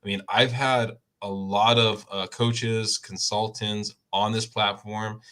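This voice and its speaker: A man's voice: fairly low pitch, little pitch movement, takes it slowly, fairly bright tone. A man hosting a podcast interview, friendly and a bit self-correcting, stumbling over names now and then. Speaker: podcast host. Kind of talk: casual interview chat.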